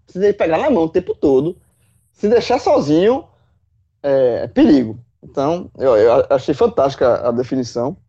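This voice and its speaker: A man, a football pundit in casual chat, animated, swearing and full of folksy analogies. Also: fairly high pitch, a little fast, muffled recording. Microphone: remote call.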